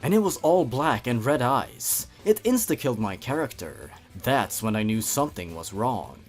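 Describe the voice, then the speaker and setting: This comedy video host reads horror fan fiction aloud and picks it apart, his medium-pitched voice very animated at a moderate pace. Dramatic storytelling alternates with sarcastic, wry remarks delivered with theatrical flair.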